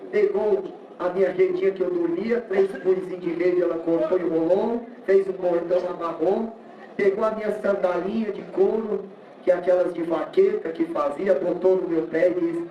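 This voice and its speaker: A man's voice: high-pitched, steady tone, normal speed, a little hiss or hum. Brazilian man, church testimony, tells his story in character, heard from far off on a dull lo-fi recording. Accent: Brazilian Portuguese. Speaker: church member giving testimony. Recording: echoey, distant, lo-fi room recording.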